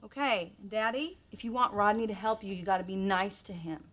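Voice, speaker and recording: A woman's voice: mid-range voice, a little fast, a bit bright. A woman playing a sarcastic, bossy wife in a sitcom. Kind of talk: sitcom acting. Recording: studio sitcom with audience laughter.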